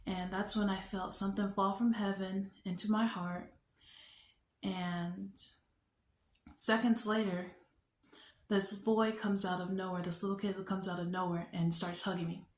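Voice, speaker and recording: A young woman sharing a personal faith testimony on her vlog, speaking in an earnest, unhurried, reflective way. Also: medium pitch, level tone, slight background noise. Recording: echoey room.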